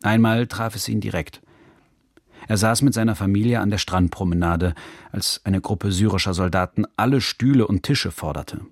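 Gravelly low-voiced male narrator. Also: no echo, clean studio sound. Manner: measured, serious reading. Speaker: narrator of a radio feature. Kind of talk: scripted documentary narration. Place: recording studio.

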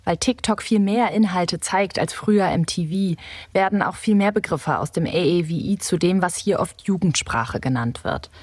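A woman reporter reading a scripted radio feature in a measured, explanatory way. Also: lowish voice, a little mellow, no echo.

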